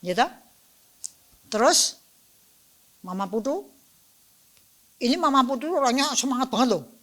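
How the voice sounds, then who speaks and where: Middle-aged lady teaching dharma, bright and kinda high voice, playful. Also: a little slow. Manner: lively, playful, acts out scenes. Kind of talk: interactive dharma talk.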